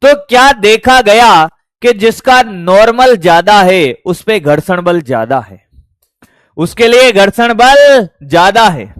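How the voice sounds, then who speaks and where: A high-pitched man lectures a class at an unhurried pace, often calling on students and repeating his questions. His voice is smooth and clear, recorded dry and close. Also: expressive, dry recording. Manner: addresses students as beta, asks repeated questions. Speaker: physics teacher.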